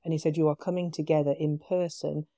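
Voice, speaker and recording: A woman with a British accent, a podcast guest, telling her story in a casual, animated way with quoted dialogue. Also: low voice, quick pace, dry recording, studio quality. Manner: animated retelling with quoted dialogue, frequent laughs.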